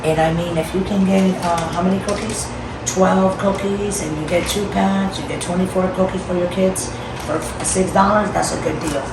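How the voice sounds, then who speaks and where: Casting: woman home-cooking host, lowish voice, chatty and agreement-seeking, recorded off-mic in a roomy kitchen. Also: fairly even intonation, normal speed, distant mic, very noisy. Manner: conversational, repeatedly seeking agreement. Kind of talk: casual cooking demo, chatting to viewers.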